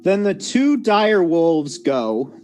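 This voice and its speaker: A man running a tabletop game as game master, narrating the action with a relaxed, laughing manner and frequent self-corrections. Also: high voice, slow pace, soft background music. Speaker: dungeon master.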